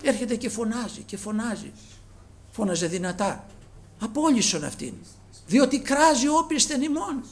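High-voiced man preaching a sermon. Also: expressive, a little hiss or hum. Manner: earnest, addresses listeners as brothers, swings between soft and raised.

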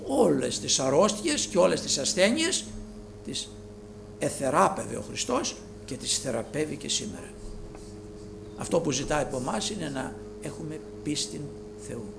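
A man preaching a sermon with fervor, rising to loud calls and dropping low. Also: big pitch swings, vocal fry, noisy background.

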